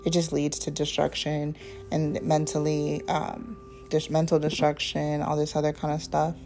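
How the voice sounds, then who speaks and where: A woman in her twenties hosting a casual faith-based podcast, talking in a relaxed, rambling way with many ums and asides. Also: sits low, normal speed, gravelly. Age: 20s. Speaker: podcast host.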